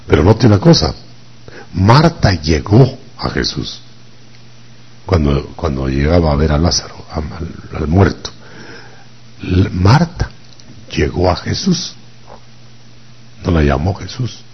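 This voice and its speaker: A man preaching a sermon, dramatic, acting out voices and swinging from loud to whispered, in what sounds like a church. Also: a bass voice, very animated, takes it slowly, pauses often, husky. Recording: dull lo-fi recording.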